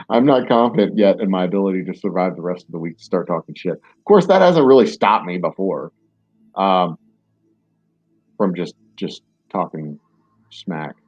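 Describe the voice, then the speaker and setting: Playing a strategy game, a gaming streamer offers rambling, self-mocking let's-play commentary packed with fillers. His low voice is sing-song, a little mellow and slightly rough, a bit slow with frequent pauses, captured dry and muffled on a desk microphone.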